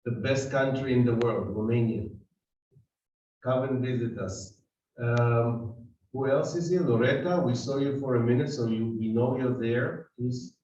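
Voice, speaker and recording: A man's voice: medium pitch, measured pace, darkish tone. Chatty man, distant in an echoey room. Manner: chatty, teasing, many restarts. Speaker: seminar leader. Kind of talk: casual joking welcome to a class. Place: meeting room with a table. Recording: very echoey, distant, dull room sound with faint noise.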